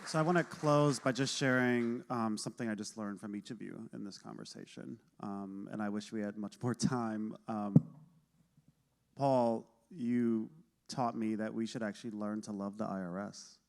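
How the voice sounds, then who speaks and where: A man's voice: lowish voice, steady tone, normal speed, gravelly, slight background noise. A man moderating a panel, wrapping up with appreciative remarks to each speaker. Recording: reverberant hall.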